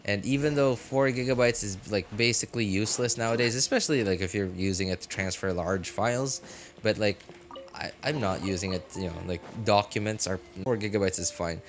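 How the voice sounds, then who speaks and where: A male streamer in his thirties, fairly low in pitch, chats aimlessly as he plays, with game music and character voices behind him. He keeps pausing, repeating and using hesitant fillers while he reminisces.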